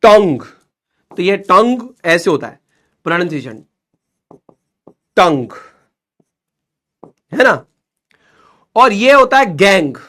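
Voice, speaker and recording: High-voiced man teaching. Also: takes it slowly, long pauses. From Rajasthan, India. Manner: lively and joking, repeats questions and answers for drilling. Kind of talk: explanatory lesson.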